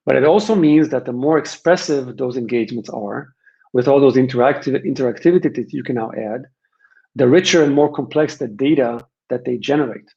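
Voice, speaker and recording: His voice is medium in pitch, creaky, and darkish, and he talks fairly quickly. The man, who has an Israeli accent, is a software vendor's webinar presenter, speaking conversationally and emphatically and repeating phrases to make them stick, over dull, band-limited audio.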